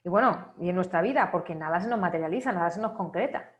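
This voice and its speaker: A woman giving a motivational talk at a wellness congress, leading listeners through a string of rhetorical questions and often checking in with a quick "right?". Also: on the low side. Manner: asks many rhetorical questions, often ends with a checking "¿vale?". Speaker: speaker at an online wellness congress. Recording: echoey room.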